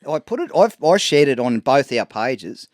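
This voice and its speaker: A man's voice: mid-range voice, sing-song, normal speed, no echo, clean studio sound. A middle-aged man with an Australian accent, co-hosting a podcast in rambling, laid-back chat and swearing freely. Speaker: podcast co-host. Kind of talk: casual chat.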